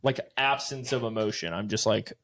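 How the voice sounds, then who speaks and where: A man in his late twenties co-hosts a podcast, telling rambling stories in loose, profane, casual chat. His voice sits fairly low, a bit bright, at a normal speed.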